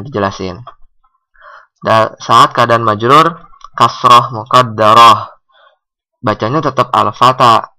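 A man teaching Arabic grammar, asking questions and answering them himself, with drawn-out example readings. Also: lowish voice, bright, forceful tone, low-quality recording. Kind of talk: recorded grammar lesson.

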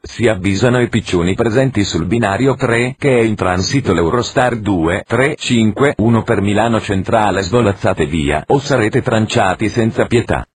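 Deadpan man doing mock station announcements. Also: on the low side, normal speed, hardly any pauses, husky. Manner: formal announcer delivery with deadpan absurd jokes. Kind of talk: parody train station announcements.

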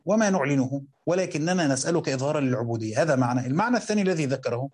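A man with an Egyptian Arabic accent teaching a Quran commentary lesson, reading quotes slowly and then explaining them in colloquial talk while questioning his students. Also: a little high, expressive, darkish tone, slightly rough.

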